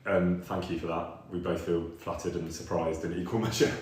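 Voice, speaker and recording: A man's voice: deep voice, flat delivery, fairly quick, darkish tone, a little hiss or hum. A man co-hosting a live stream, laughing often and thanking viewers, his voice ringing in a big hall echo. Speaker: streamer co-host. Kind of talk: casual live stream chat. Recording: very echoey room.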